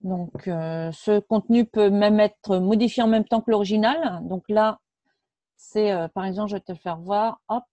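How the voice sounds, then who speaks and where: A woman giving a casual, chatty software tutorial while sharing her screen, narrating her clicks with quick "hop" and "voilà" asides. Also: mid-range voice, no echo. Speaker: tutorial presenter.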